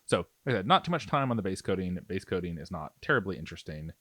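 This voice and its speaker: A man with a deep voice, big pitch swings and a fairly bright tone talks fast, with no room sound. He hosts a miniature painting tutorial, explaining casually and conversationally as he thinks aloud.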